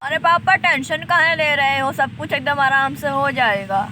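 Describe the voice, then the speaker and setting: A woman's voice: high voice, moderate pace, pushed and bright. A woman voicing a lazy young village son who whines sleepily. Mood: whining. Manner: sleepy whining replies. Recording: noisy home recording.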